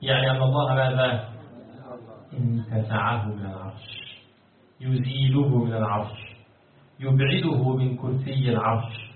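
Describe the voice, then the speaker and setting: A man teaches a class as a sheikh, putting questions to his students and then answering them himself, now and then in a lilting chant. He sounds far from the mic in a roomy, echoing space. The recording is thin and phone-like. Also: mid-range voice. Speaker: sheikh teaching Quran commentary. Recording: echoey lo-fi phone-quality recording from afar.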